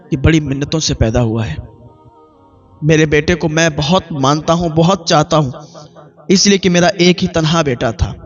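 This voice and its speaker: A man's voice: sits high, close to an everyday voice. A man preacher voicing a grieving father who accuses the killer of his only son. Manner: accusing, grief-stricken, emphatic. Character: grieving, angry father of a slain boy. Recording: dull lo-fi with faint music.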